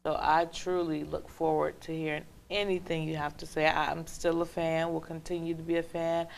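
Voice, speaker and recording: A woman hosting a casual interview, effusive and upbeat, often getting loud and high with enthusiasm. Her usual voice sits fairly low, with faint noise behind her. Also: level tone, normal speed, gravelly. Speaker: host.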